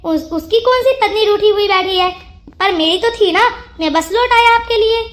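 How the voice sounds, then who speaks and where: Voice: very high voice, normal speed, a bit bright. A performer voicing a playful, affectionate young husband in a cartoon story. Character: teasing young Indian wife, Babita's cheerful husband. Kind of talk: cartoon voice acting.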